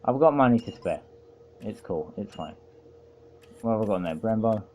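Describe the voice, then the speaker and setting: A man's voice: on the low side, lively intonation, moderate pace, a little mellow, a little hiss or hum. A man casually commenting on a racing game he is playing, rambling and poking fun at himself in a dry way. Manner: rambling, self-mocking and dry. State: feeling overheated. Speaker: let's play host.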